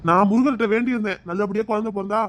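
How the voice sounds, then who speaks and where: A performer voicing a gentle, devout old grandfather in a cartoon, speaking slowly and kindly, a little away from the mic. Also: mid-range voice, pitched below the performer's own voice, close to an everyday voice. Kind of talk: cartoon voice acting.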